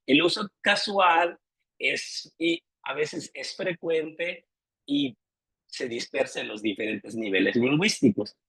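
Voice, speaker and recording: Husky-voiced man lecturing haltingly. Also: fairly high pitch, expressive, pushed and bright, no room sound, poor audio. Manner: hesitant, repeats words, checks in with listeners. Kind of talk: academic lecture.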